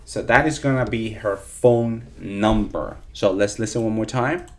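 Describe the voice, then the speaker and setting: A man's voice: on the low side, unhurried. A man teaching a live interactive online lesson, repeating points and often checking in with his listeners. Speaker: teacher of call-centre English.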